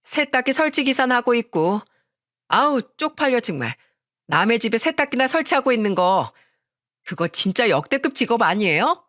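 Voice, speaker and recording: A woman voicing a haughty young wife who mocks her in-laws in a shrill, condescending way for a narrated story. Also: sing-song, moderate pace, a bit bright, dry recording, studio quality. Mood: sneering. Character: haughty young judge's wife, arrogant sister-in-law.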